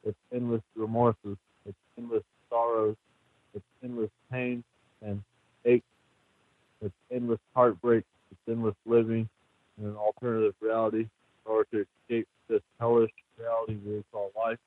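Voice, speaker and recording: A man calling in on a phone line that fades in and out, reading a poem in a flat, repetitive list-like way. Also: fairly low pitch, normal speed, no room sound. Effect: phone voice fading in and out. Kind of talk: poetry reading on a call-in show. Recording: tinny phone line, fading in and out.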